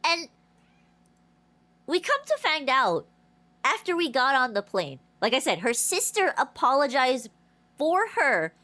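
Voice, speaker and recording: This woman streamer's voice is high-pitched, her pace measured, with long pauses. Chatting casually on a game livestream, she rambles animatedly through a story with lots of restarts, her blocked nose making her sound stuffy and nasal.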